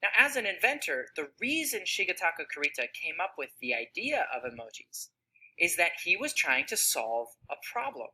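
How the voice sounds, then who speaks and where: A woman's voice: on the low side, very animated, normal speed, pushed and bright, breathy edge. A woman giving scripted narration for a children's explainer video, asking the kids questions and acting out different tones of voice.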